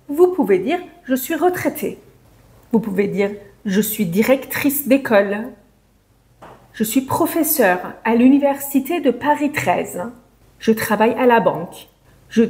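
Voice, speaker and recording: Slow, careful woman teaching French. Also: on the high side, a little mellow. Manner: says example sentences slowly and carefully. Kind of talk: slow, clear language lesson for beginners.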